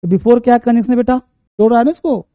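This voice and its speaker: An English grammar teacher from India lectures a class in a high, animated male voice, talking fast and acting out everyday scenes to explain. The recording has no room sound but is muffled and slightly lo-fi.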